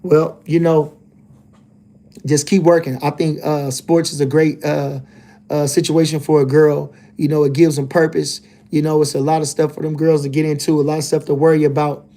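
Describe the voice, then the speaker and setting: A man's voice: a little high, little pitch movement, normal speed, mellow. A man hosting a casual boxing livestream, reading chat comments and talking loosely with lots of filler phrases. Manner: laid-back, loose and rambling, lots of "you know what I'm saying".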